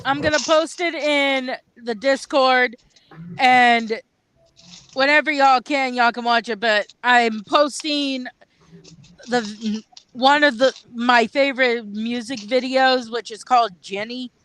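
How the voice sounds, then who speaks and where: A man's voice: very high-pitched, fairly even intonation, slow, pushed and bright, clear, resonant tone, no echo. A man in his thirties hosting a casual group chat livestream, rambling happily about music. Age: 30s. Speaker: livestream host.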